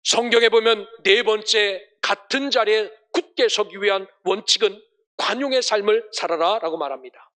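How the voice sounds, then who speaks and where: A man's voice: high voice, sharp tone. A male pastor preaching a Sunday sermon, asking rhetorical questions and ending passages with blessings.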